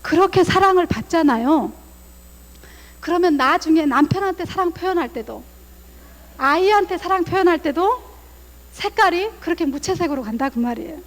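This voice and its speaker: A woman in her thirties, a family counselor giving a lively guest lecture to a church audience, acting out parents' words as she talks. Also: extremely high pitch, moderate pace, long reverb tail. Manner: animated, acts out parents' lines in quoted voices. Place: church hall.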